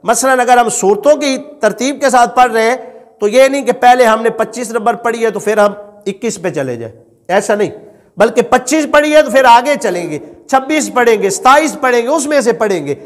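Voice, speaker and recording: A man's voice: very high-pitched, expressive, long reverb tail. A male religious teacher, lecturing and repeating his points, asking the listeners questions and then answering them himself. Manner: repeats and explains points patiently.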